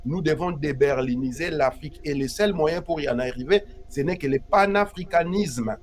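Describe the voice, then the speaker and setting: A guest activist from the Democratic Republic of Congo is interviewed in Paris, speaking emphatically and repeating his key phrases. His voice is a little high and his speed is normal.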